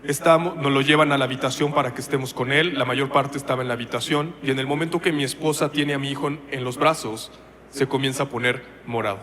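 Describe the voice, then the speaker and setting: Preacher guy telling his story, prays out loud, echoey church hall. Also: mid-range voice, fairly even intonation, fast talker. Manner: emotional storytelling, quoting his own prayers aloud. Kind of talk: testimony in a sermon.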